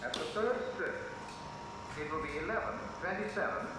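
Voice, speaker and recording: A man's recorded voice used as a talking clock, his words spliced together by the machine into measured, formal announcements. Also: on the high side, animated, over a noisy crowd. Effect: spliced-together recorded words, played back by a talking clock machine. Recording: echoey, distant, noisy playback.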